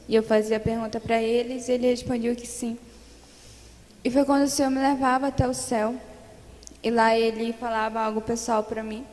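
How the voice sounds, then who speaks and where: A woman's voice: sits high, a little mellow, long reverb tail. A Brazilian woman earnestly recounting a vision to her congregation, repeating herself and calling the listeners beloved. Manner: earnest, repetitive storytelling, addresses listeners as beloved. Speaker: church member giving testimony.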